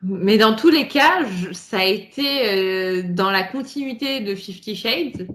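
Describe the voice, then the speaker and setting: A woman's voice: mid-range voice, lively intonation, measured pace, fairly bright tone, slight background noise. A woman co-hosting a casual podcast chat, laughing often and reading passages aloud. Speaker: podcast co-host.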